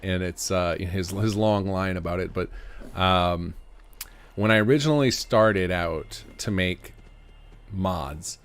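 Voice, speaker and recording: A man's voice: deep voice, slow, clear, resonant tone. A man giving casual, rambling gameplay commentary as a streamer, thinking aloud. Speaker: game streamer and modder.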